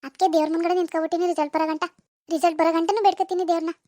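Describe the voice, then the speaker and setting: Cartoon village teen girl, rural Karnataka Kannada accent, dramatic pleader, squeaky high voice, dry studio sound. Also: level tone, racing, warm tone, dry recording. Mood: defensive. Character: anxious teenage village girl awaiting exam results. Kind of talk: cartoon voice acting.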